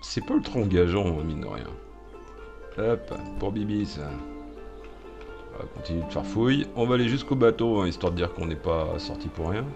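A man narrating his own game playthrough in a jokey, sarcastic commentary full of muttered asides. His voice sits low but swings widely, with faint game music underneath. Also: animated, normal speed, creaky, dull audio. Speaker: gaming video host. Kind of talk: let's-play commentary.

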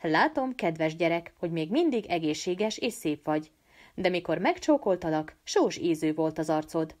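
A woman's voice: on the low side, lively intonation, a little mellow, lightly acted. A woman voicing an easygoing young male student from Pisa, light, evasive and teasing. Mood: light, wry.

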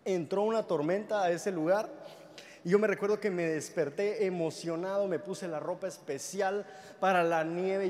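High-voiced young preacher in a hall. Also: male voice, a little mellow. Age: young adult. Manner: storytelling with humor, acting out dialogue. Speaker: pastor. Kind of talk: sermon. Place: large church hall. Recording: reverberant hall with faint noise.

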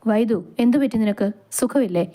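A woman's voice: a little high, moderate pace, dark tone, close to an everyday voice. A caring young man in a storybook, earnest and concerned, voiced by a woman narrator. He questions seriously, with his voice slightly raised.

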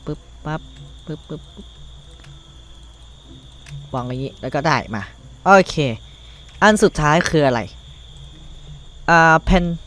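A man's voice: on the high side, takes it slowly, long pauses, a bit bright, slight background noise. A teenage boy with a Thai accent, rambling to himself as he plays and crafts in a survival game, swearing casually. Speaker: gaming YouTuber. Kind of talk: Minecraft let's play commentary.

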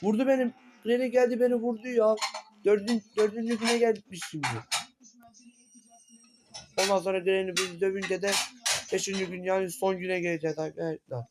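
Gaming creator, male, high voice, excitable and complaining, repeats words, loud music underneath. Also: brisk, long pauses. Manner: frantic, complaining, repeats words and calls to viewers. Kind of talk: excited let's-play commentary.

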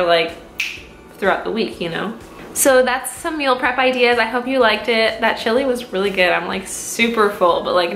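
A woman's voice: fairly high pitch, sharp tone, roomy sound, a little hiss or hum. A woman in her twenties chatting casually and rambling through a cooking vlog in a small home kitchen, recorded on a close camera mic. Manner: chatty, rambling, self-mocking. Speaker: vlogger.

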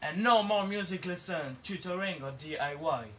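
A man's voice: high-pitched, moderate pace, sharp tone, slight background noise. A man playing a defiant runaway teenage boy who is rowing, bossy, insistent and mocking. He performs on an outdoor garden stage. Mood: bickering.

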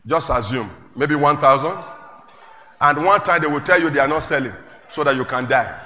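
A male pastor preaching a sermon to a congregation, calling out questions and rising to shouts. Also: fairly high pitch, moderate pace. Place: church hall with congregation. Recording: echoey church hall, faint room noise.

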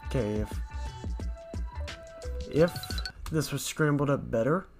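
A man's voice: medium pitch, slow pace, faint music behind. Self-mocking man doing quiz commentary. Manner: self-mocking, thinks out loud. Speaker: YouTuber reacting to a quiz. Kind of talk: casual quiz reaction commentary.

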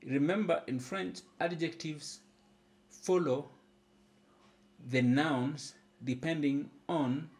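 Guy teaching french off a textbook, takes his time, says every phrase twice, steady middle pitch. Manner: slow, deliberate, repeats each phrase. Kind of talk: recorded language lesson.

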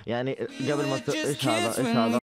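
A man's voice: mid-range voice, steady tone, quick pace, dry recording, clean studio sound, faint music behind. A man with a Saudi accent hosting a reaction show, making wry, incredulous comments about online clips. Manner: wry, incredulous asides with mock disbelief. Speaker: host reacting to TikTok clips. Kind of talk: casual comedic commentary.

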